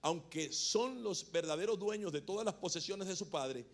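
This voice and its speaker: A man's voice: sits high, lively intonation, normal speed. A male pastor preaching a sermon in a church, chatting and joking with the congregation between points. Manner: conversational, jokes with the congregation. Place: church hall.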